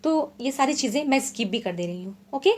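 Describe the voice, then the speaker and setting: High-voiced woman teaching literary terms. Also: expressive. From India. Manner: explains terms plainly, reads definitions slowly and deliberately; checks in often with short confirming asides. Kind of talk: exam-prep lecture.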